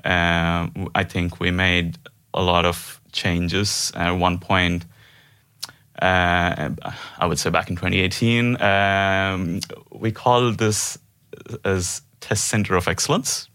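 This Indian developer in his thirties, a guest on a company podcast, sits low in pitch and speaks slowly in a steady tone that's pushed, bright, clear and resonant. It's a relaxed interview chat full of hesitation, fillers and restarts, with frequent laughter. He's a native speaker of an Indian language rather than Norwegian.

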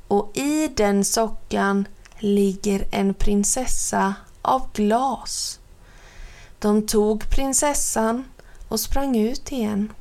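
A woman reading a children's storybook aloud in a gentle, clear storytelling manner. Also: mid-range voice. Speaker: narrator.

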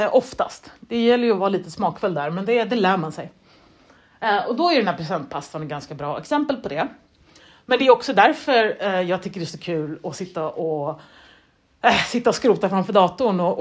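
A woman's voice: medium pitch, a little mellow. A woman in a casual, rambling monologue who often loses her thread and acts out her own inner thoughts. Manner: chatty, self-deprecating, loses her thread; frequent fillers and restarts, acts out inner thoughts.

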